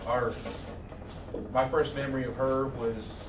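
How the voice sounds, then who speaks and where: A man speaking at a memorial, halting with many restarts and fillers. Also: medium pitch, level tone. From Arizona. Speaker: eulogy speaker. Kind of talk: memorial speech. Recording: echoey hall from far off, noisy.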